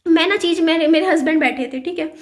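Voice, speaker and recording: A woman's voice: very high-pitched, fast. A young woman vlogger earnestly recounting personal events to her viewers, with many fillers and repeated phrases. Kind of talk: personal storytelling to camera.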